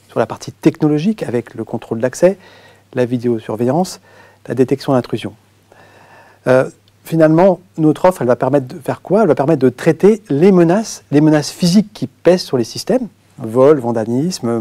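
A man on a webinar panel, presenting in a measured, orderly way. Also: medium pitch, mellow, no room sound. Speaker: expert panelist.

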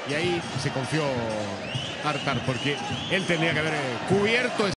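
A man's voice: on the high side, animated, normal speed. A man giving football analysis as a co-commentator. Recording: very noisy stadium crowd. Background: loud crowd and stadium noise.

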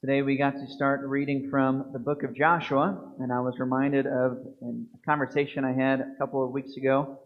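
A man in his thirties, a priest giving a homily at a church lectern into a fixed microphone, preaching earnestly with slow emphatic stresses. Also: medium pitch, little pitch movement. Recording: dull lo-fi church video stream.

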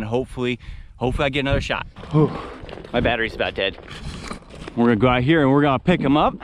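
A man talking excitedly to his action camera outdoors in a field, vlogging his solo hunt. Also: a little high, slight background noise. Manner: excitable, talkative, quick to gush. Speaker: hunting vlogger. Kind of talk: solo hunting vlog.

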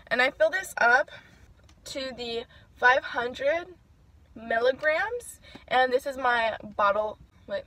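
A woman's voice: high voice, animated, slow, sharp tone. A young woman chatting casually into her phone camera while getting ready for the gym, talking freely and swearing often. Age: young adult. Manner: chatty and profane, with many fillers. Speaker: vlogger. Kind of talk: casual vlog chat. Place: home, then car.

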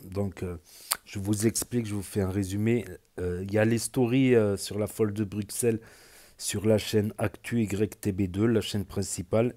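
A man hosting a reaction channel, talking in a relaxed, rambling way full of fillers. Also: lowish voice. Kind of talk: casual reaction commentary.

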